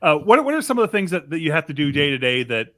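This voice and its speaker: A man interviewing convention staff, asking rambling questions with many pauses and restarts. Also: fairly high pitch, very animated, a bit bright. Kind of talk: casual interview chat.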